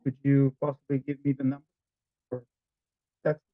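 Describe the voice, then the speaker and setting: A man's voice: mid-range voice, monotone, moderate pace, no echo. A man speaking as an agent from a remote call, his voice cutting in and out as he strains to speak up. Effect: voice cutting in and out over a bad connection. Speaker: agent for an applicant. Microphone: joining remotely over a video call. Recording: tinny dry call line breaking up.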